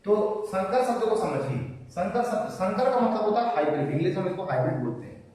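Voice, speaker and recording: A man's voice: high-pitched, sing-song, quick pace, darkish tone. A man teaching a Hindi grammar class online, giving word examples and often checking in with his students. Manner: explains with examples and frequent "theek hai" checks. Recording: echoey room, voice far from the mic.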